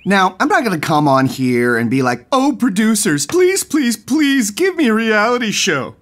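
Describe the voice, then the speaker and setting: A man voicing an eager young male cartoon cat who is excitable and stammers when flustered. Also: mid-range voice, normal speed, soft background music.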